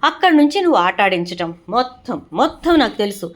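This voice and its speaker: A woman voicing a stern, angry middle-aged family patriarch in a retold serial, scolding and shouting. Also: mid-range voice, very animated, brisk.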